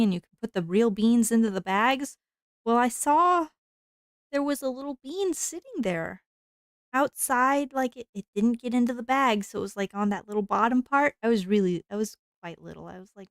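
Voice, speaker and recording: A woman's voice: a little high, clean tone, no echo, clean studio sound. A woman streamer chatting casually while she draws, rambling along with lots of fillers and frequent laughter.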